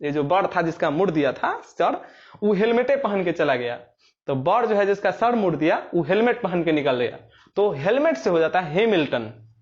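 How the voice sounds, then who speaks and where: A man's voice: high-pitched, very animated, moderate pace, dull audio. A young man teaching exam memory tricks, telling playful little stories and acting out scenes in rustic dialect. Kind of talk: explaining memory tricks for exams.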